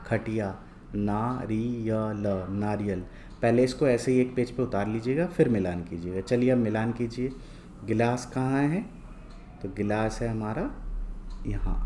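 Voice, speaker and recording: Slow, patient male teacher. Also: medium pitch, mellow, a little hiss or hum. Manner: reads each word slowly twice, asks and answers his own questions. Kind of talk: slow, patient lesson going through worksheets.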